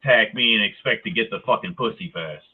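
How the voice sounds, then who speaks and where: A man's voice: on the low side, fast talker, slight background noise. A man in a heated, profane, sarcastic rant, speaking his mind to the camera. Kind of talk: angry ranting monologue. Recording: tinny phone-like audio.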